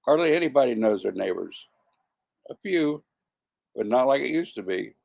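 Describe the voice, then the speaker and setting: Gravelly-voiced man in his seventies. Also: medium pitch, animated, normal speed, a little mellow. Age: 70s. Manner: stumbling, repeats and corrects himself. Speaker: vlogger. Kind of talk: casual monologue to camera.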